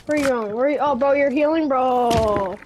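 A woman's voice: high-pitched, moderate pace, noisy background. A woman gamer teasing her opponent during a match, goofy and repetitive. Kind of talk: casual gaming chat.

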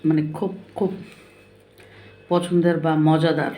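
A woman's voice: deep voice, flat delivery, unhurried, warm tone, a little hiss or hum. An older woman chatting casually to viewers while eating, her mouth full at times. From Comilla, Bangladesh. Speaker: food vlogger. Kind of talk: casual chat to viewers over a meal.

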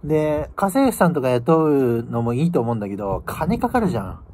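A man's voice: medium pitch, big pitch swings, brisk, mellow. A man in his twenties from northern Japan, musing casually and in slangy speech to the camera outdoors. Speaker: vlogger. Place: outdoors by a building in winter. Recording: outdoor ambient noise, phone microphone.

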